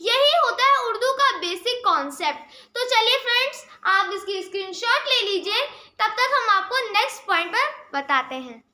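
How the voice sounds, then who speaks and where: A woman teaching the Urdu script, who asks questions and answers them herself, repeats key sounds slowly and mixes English words into her Hindi. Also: extremely high pitch, very animated, bright, forceful tone, reverberant. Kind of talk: spoken tutorial explaining Urdu script.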